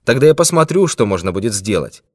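A man's voice: on the low side, sing-song, fast, darkish tone, no echo, clean studio sound, pitched above the performer's own voice. A man voicing a great detective who is stern but patient with a client. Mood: firm. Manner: firm, exasperated.

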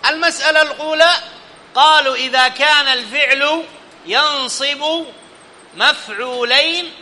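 A man's voice: very high-pitched, normal speed, bright, forceful tone, slight background noise. A man teaching a live classroom grammar lesson, often stopping to question students and check that they follow. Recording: long reverb in a hall.

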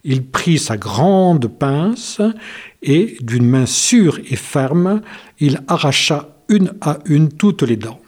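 A man narrating a children's tale in a gentle, measured reading. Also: a little high, animated, slightly rough. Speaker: storyteller. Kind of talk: storybook narration.

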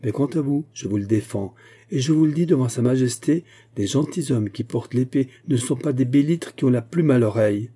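A man's voice: medium pitch, completely flat delivery, normal speed, warm tone, breathy edge, lightly acted. A man voicing an indignant veteran musketeer captain who hammers his words and swears. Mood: furious indignation.

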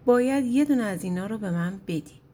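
A woman's voice: medium pitch, expressive, dark tone, natural voice. A woman voicing Azrael, a stern mocking angel of death. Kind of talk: storybook narration.

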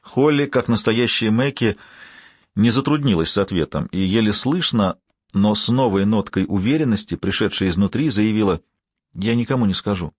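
A man narrating a novel in the first person, with measured, grave storytelling. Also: lowish voice, breathy edge, no room sound, clean studio sound. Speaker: audiobook narrator.

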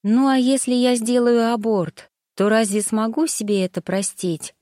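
A woman's voice: a little high, fairly even intonation, normal speed, mellow, dry recording, studio quality, close to an everyday voice. A woman voicing a young pregnant woman who is emotional and tearful but finds resolve, as an audiobook character. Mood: anxious. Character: young anxious pregnant woman, later a doting mother.

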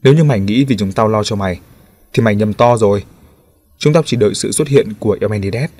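Stern police officer in an audiobook, cold and menacing, low husky voice, as a male narrator reads him. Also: fast, darkish tone, close to an everyday voice. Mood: cold threat. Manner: cold and threatening.

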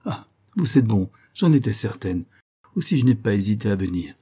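A man's voice: on the low side, very animated, normal speed, mellow, breathy edge, heavily acted. A man voicing an anxious young woman who pleads with a trembling urgency, in an audiobook reading. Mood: pleading.

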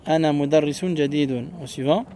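A man teaching a classroom Arabic lesson in French, patiently quizzing students with quick questions. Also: on the high side, dark tone.

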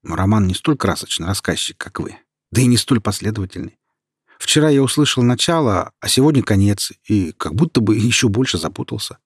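Guy reading a chill joking young dude, husky voice, dry close sound. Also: lowish voice, sing-song, brisk, dry recording, full character voice. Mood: puzzled. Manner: light, joking. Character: young man, easygoing, joking office worker. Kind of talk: audiobook character reading.

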